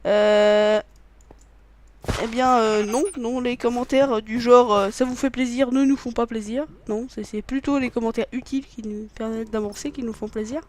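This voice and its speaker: A man's voice: very high voice, steady tone, a little fast, hardly any pauses. A man giving rambling, joking let's play commentary, punning, swearing casually and talking to himself and his viewers. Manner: swears casually, bursts into loud exclamations. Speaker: gaming video maker.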